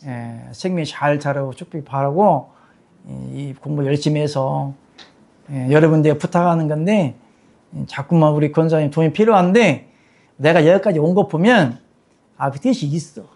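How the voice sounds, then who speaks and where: A male pastor preaching a sermon in a blunt, scolding way with rough slang and jokes, leading his congregation in call-and-response. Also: on the high side, normal speed, a little mellow. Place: church service with a congregation.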